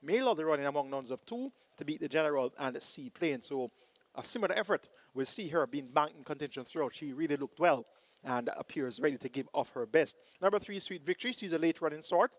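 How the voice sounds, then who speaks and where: A man's voice: on the high side, lively intonation, a little fast, no room sound. A Jamaican man giving race preview commentary as a horse racing analyst. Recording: dull, band-limited broadcast audio.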